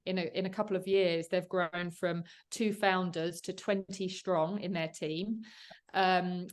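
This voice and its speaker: Speaking a little slowly in a steady, somewhat low voice, a female commercial solicitor guesting on the show explains earnestly in conversational interview style, often using fillers and restarting her sentences.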